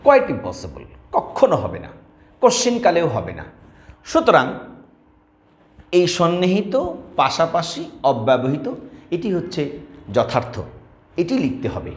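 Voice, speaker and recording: Lively Bengali grammar teacher, echoey room. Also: male voice, a little high, unhurried, long pauses. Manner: explanatory, asks students to repeat words aloud. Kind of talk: classroom video lesson.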